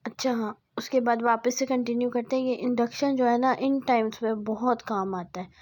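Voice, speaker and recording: Young woman vlogger, relaxed voice-over, slightly high voice, talks in loose self-correcting asides. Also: normal speed. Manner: chatty, self-correcting, rambling. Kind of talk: casual vlog voice-over.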